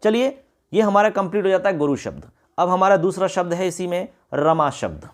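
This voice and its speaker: A male Sanskrit teacher guides students through exam preparation. His voice sits fairly high for a man, and he recites the word forms in a rhythmic, sing-song chant. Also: expressive, normal speed.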